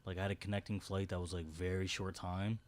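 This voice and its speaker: A man's voice: deep voice, flat delivery, fast. A man co-hosting a casual podcast, telling rambling, slangy stories with some swearing. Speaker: podcast co-host. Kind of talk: casual chat.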